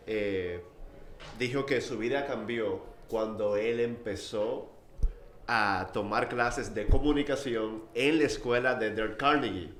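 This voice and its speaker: A man, the company's CEO, speaking politely and in a measured way in a podcast chat. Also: lowish voice, fairly bright tone, a little hiss or hum. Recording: echoey room with faint ambience.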